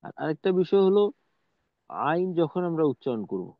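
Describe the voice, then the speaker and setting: A man's voice: a little high, very animated, fairly quick, no echo. Man teaching over a tinny line. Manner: patient, explanatory, demonstrates sounds. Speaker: Quran recitation teacher. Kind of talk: online tajweed lesson. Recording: dry, tinny phone-like audio.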